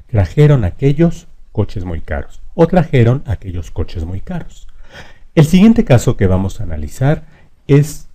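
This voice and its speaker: A man with a lowish, dark-toned voice teaches a grammar lesson. He explains the rules clearly and reads his example sentences slowly.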